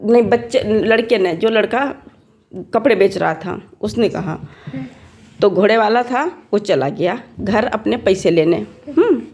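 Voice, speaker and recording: A woman storyteller telling a folk tale to children, often pausing to ask her listeners questions. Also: medium pitch, a little mellow. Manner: asks listeners questions as she tells.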